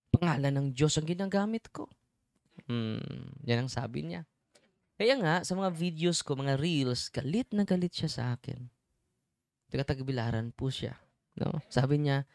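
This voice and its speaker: A man's voice: on the high side, creaky, a little mellow, dry recording. A middle-aged man, a priest and exorcist, giving a chatty sermon and often checking in with his listeners. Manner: chatty, keeps checking in with the congregation. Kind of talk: conversational sermon.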